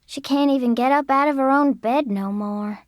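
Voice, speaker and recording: A woman's voice: sits high, normal speed, no echo, studio quality, close to an everyday voice. An actress playing a troubled, guarded young country woman in a video game, with a Southern US accent. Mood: sad, guarded.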